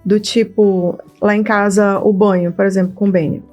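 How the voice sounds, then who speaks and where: Soft music plays behind a woman speaking at a normal speed and medium pitch. She's a Brazilian co-host of a mothers' podcast, chatting casually, with a Brazilian Portuguese accent, and animating her stories by voicing the family members' lines.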